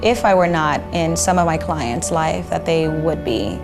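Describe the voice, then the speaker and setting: A woman from the Dominican Republic, an immigration attorney, speaking earnestly in a measured documentary interview. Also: low-pitched, creaky, over music.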